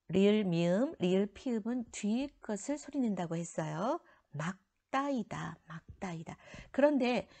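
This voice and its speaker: A woman's voice: a little high, dark tone. A woman teaching a middle school grammar lesson, explaining rules step by step and trailing off into a near whisper at the ends of some phrases. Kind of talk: recorded classroom lecture.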